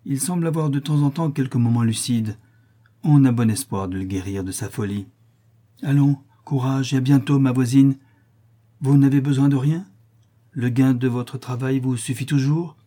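A man reading an audiobook voices a composed, generous gentleman who speaks in a calm, reassuring way. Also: medium pitch, normal speed, natural voice.

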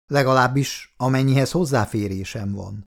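A man's voice: medium pitch, vocal fry, close to an everyday voice. A male audiobook reader voicing a curious, earnest young woman official who asks questions directly and with polite insistence. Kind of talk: audiobook character voice.

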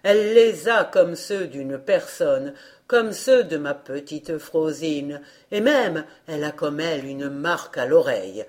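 A woman lowering her voice for a tender-hearted sea captain in a storybook tale. He speaks softly and fondly, his pitch pushed down below a plain speaking voice. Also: lively intonation, unhurried. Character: grieving father, a retired sea captain.

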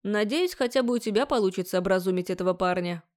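A woman's voice: mid-range voice, fast, a little mellow, natural voice. A woman reading an audiobook, voicing a stern middle-aged male university rector who talks formally and grumbles at his son. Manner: formal, condescending, gruff toward his son. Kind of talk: audiobook character voice.

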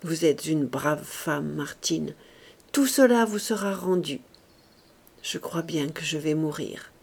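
A woman voicing a gentle, ailing elderly male doctor who speaks in a weak murmur. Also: deep voice, expressive, takes it slowly, gravelly, breathy edge, exaggerated voice. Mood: faint tender. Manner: murmured, faint.

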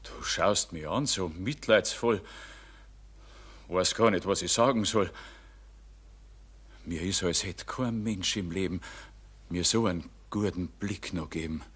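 A man's voice: low-pitched, unhurried, long pauses, a bit bright, breathy edge, full character voice. An actor playing a rich man facing death, agitated and brusque, speaking with a Bavarian accent. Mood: anxious. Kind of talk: radio play acting.

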